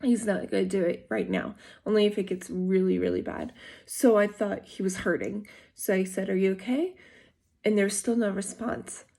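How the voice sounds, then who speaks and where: A woman's voice: medium pitch, steady tone, moderate pace, warm tone. A young adult woman vlogging, telling a personal story in a casual, rambling way with many fillers and self-corrections.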